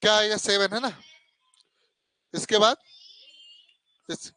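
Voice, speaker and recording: A man's voice: high voice, fairly even intonation, slow pace, pushed and bright, no room sound, poor audio. A male teacher giving a classroom lecture, asking questions and answering them himself, calling students "beta" and correcting himself as he goes. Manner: corrects himself mid-explanation.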